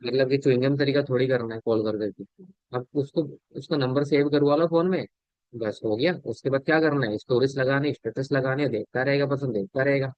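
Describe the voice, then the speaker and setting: A man coaching a sales team in an informal talk. He keeps asking whether they understand, repeats his points, and changes his loudness and speed to demonstrate. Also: mid-range voice, a little fast, no echo. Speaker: sales business trainer. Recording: dull lo-fi audio, dry.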